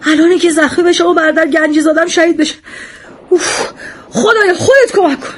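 A man voicing a small, anxious young male radio operator in a dramatized war story, in a strained, tearful falsetto. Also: a bit bright. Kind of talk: dramatized audiobook reading.

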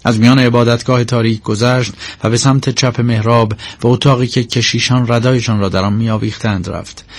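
A man narrating a novel in a steady, measured storytelling voice, recorded on a close microphone. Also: medium pitch, no room sound. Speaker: audiobook narrator. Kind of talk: scripted narration.

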